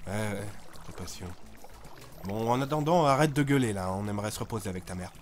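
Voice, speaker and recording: A man's voice: fairly low pitch, animated, a little fast, faint music behind, lightly acted. A man voicing a grumpy, tired middle-aged father scolding his son. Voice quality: gruff, grumbling. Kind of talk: comedic gameplay sketch.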